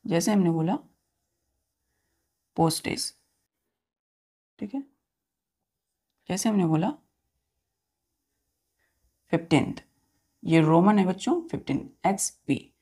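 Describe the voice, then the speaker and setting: A male teacher giving a grammar lesson, spelling words out letter by letter, asking and answering his own questions and often checking in with a quick "okay". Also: high voice, warm tone, slightly rough. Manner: asks and answers own questions, addressing students as children.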